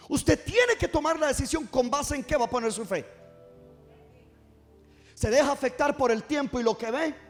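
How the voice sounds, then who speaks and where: A man preaching a passionate sermon, firing rhetorical questions at his congregation. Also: high-pitched. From Costa Rica. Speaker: pastor. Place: church service.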